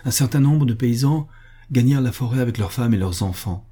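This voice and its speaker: A man narrating a story as an audiobook, in a grave, measured way. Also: mid-range voice, warm tone, slightly rough.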